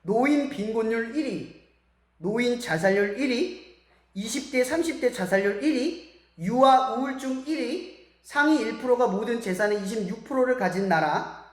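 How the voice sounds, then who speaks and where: Young woman preacher, lively sermon with lots of questions to the room, heavy church-hall echo. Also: on the high side, moderate pace. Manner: animated, asks the audience many rhetorical questions. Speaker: preacher at a school church service.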